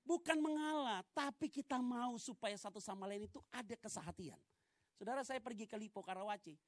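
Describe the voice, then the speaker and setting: Animated male pastor preaching, dry sound. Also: very high voice, fairly quick, no room sound. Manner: animated, swinging between loud preaching and quiet asides; calls for amens from the congregation. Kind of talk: sermon.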